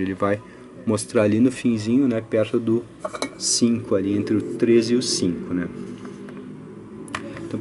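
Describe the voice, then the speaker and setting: Working indoors at a work table, the host of an audio electronics channel gives an informal technical tutorial with a Brazilian accent. His mid-range voice is mellow, and he explains hesitantly step by step, often adding check-in tags. There's slight background noise.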